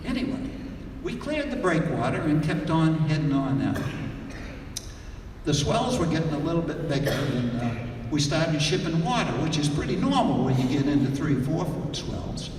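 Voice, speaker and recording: A man's voice: on the high side, big pitch swings, normal speed, a little mellow. A man telling a humorous yarn in a folksy way, drawing out words for comic emphasis. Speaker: humorist storyteller. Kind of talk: live humorous storytelling. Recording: very echoey hall, distant mic, faint noise.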